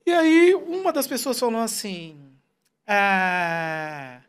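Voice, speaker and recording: Speaking slowly and clearly in a high, resonant voice, a man in his forties guests in a casual interview. He's animated as he tells stories, quoting people in short put-on voices.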